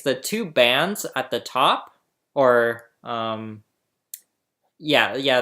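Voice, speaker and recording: This phonetics tutorial host speaks with a medium-pitched, bright voice and a forceful edge. Chatting and laughing a lot, he explains indoors into a laptop webcam mic.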